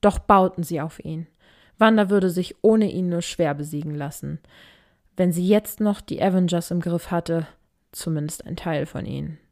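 Lady reading a story out loud, kinda low voice, steady and even. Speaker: fan fiction reader. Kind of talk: story narration.

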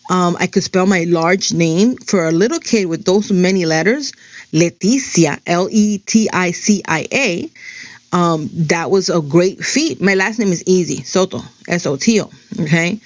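In a dull recording with no room sound, a middle-aged woman speaks at medium pitch. She's from New Jersey, grew up with Spanish as her first language, and drifts through a casual personal monologue peppered with "um" and "you know."

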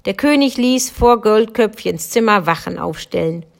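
A woman from Germany reading a fairy tale aloud as a bedtime story, in a calm, measured storytelling manner. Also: medium pitch, vocal fry. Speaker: reader.

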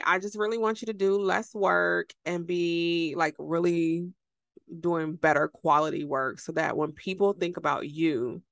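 Gravelly, emphatic woman podcast host. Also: fairly low pitch, a bit bright, no echo. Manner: emphatic, preachy, repeats phrases for effect; laughs often, talks straight to listeners. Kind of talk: motivational podcast monologue.

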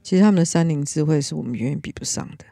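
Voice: mid-range voice, racing, gravelly, dark tone, no room sound. A podcast host, talking in an earnest, reflective and rambling way in casual chat.

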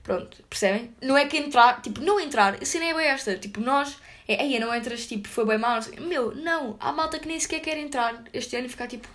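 A young woman from Portugal chats straight to her viewers in a brisk, slang-heavy flow, stringing her thoughts together with fillers. Her voice sits a little high and she talks quickly. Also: fairly bright tone. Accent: European Portuguese. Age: young adult. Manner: slangy, chatty, full of fillers. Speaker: vlogger. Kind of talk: casual storytelling to viewers.

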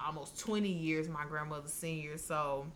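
A woman's voice: sits low, fairly even intonation, moderate pace, a bit bright, slight background noise. A woman co-hosting a podcast, chatting casually, joking and laughing often. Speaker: podcast co-host. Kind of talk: casual chat.

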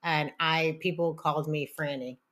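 A woman's voice: low-pitched, steady tone, a bit bright. A woman with a New Jersey accent co-hosting a podcast in casual, sarcastic chat. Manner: sarcastic, chatty, drawn-out delivery. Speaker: podcast co-host.

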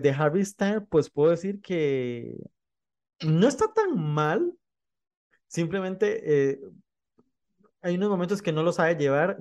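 A man talks through a film in relaxed conversation. His voice sits a little high for a man, and he fills pauses with small hesitations and easy laughter. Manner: chatty, laughs often, many fillers like "este". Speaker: film podcast co-host. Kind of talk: casual film discussion.

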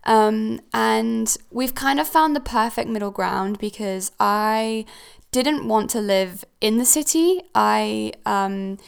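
A woman's voice: a little high, slow pace, gravelly, clear, resonant tone. A young woman who grew up in Switzerland, hosting a casual solo podcast and chatting with frequent ums and self-corrections. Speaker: podcast host. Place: new house.

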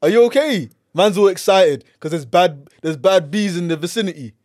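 Animated young London roadman, slangy. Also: high voice, moderate pace, dry recording, studio quality. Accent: London, urban street slang. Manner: slangy, animated, repeats words for emphasis. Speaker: podcast co-host. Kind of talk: casual banter and storytelling.

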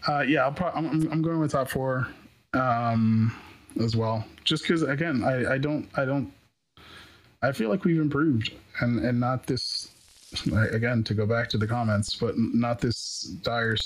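A man's voice: medium pitch, unhurried. A man hosting a casual soccer podcast, chatting and laughing easily as he reads listener questions. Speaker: podcast host.

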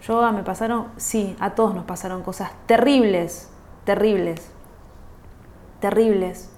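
Speaking at a measured pace, this podcast host has a medium pitch and a darkish tone, with a Rioplatense Spanish accent. Her self-help show is reflective, full of repeated phrases and questions she asks herself rhetorically.

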